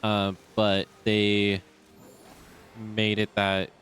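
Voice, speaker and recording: A young man in a relaxed, rambling style, commenting casually as he streams a game and talking to himself with many fillers. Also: lowish voice, very slow, a little hiss or hum.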